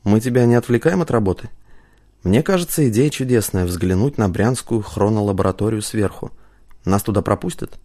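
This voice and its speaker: A man's voice: on the low side, fairly quick, warm tone, lightly acted. A man voicing a chatty young woman in an audiobook, speaking in a gushing, admiring way. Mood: cheerful.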